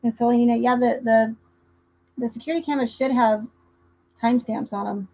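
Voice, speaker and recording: This time the woman's voice sits on the high side, with fairly even intonation and a slightly fast pace. Still hosting her livestream, she gives casual, conversational commentary on a true crime case, repeating herself for emphasis, and the lo-fi audio is muffled and dull.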